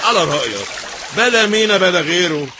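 A man's voice: high voice, very animated, quick pace, noisy background. A man with an Egyptian accent playing a weary, simple, easily swayed water carrier who complains and puzzles in a religious drama. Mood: resentful. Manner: complaining, bewildered. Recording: music under the voice.

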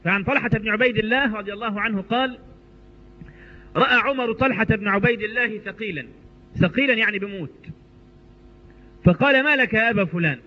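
Fast, high-pitched Egyptian preacher. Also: male voice. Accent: Egyptian Arabic. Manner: animated, storytelling with asides to the audience. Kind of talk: sermon. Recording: reverberant hall, muffled lo-fi sound.

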